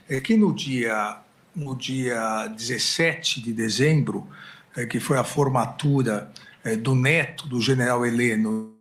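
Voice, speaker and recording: A man with a Brazilian Portuguese accent questioning a defendant in court, speaking formally and halting often with filler hesitations. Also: mid-range voice.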